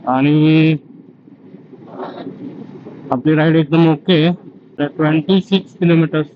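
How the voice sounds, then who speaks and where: A man's voice: fairly high pitch, steady tone, slow. A man talking casually and reflectively on a solo road-trip vlog, outdoors on the move. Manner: reflective, gives life advice between road updates. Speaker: solo motorbike travel vlogger. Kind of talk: casual travel vlog talk. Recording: dull muffled audio, faint road and vehicle noise.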